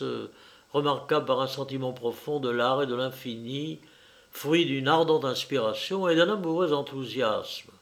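Man narrating a classic tale. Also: mid-range voice. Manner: measured, formal storytelling. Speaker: audiobook narrator. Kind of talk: scripted literary narration.

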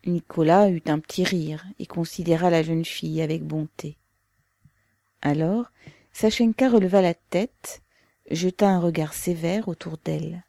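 A woman narrating a novel aloud in a measured, even storytelling manner. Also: lowish voice, creaky, dry recording. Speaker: audiobook reader. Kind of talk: scripted literary narration.

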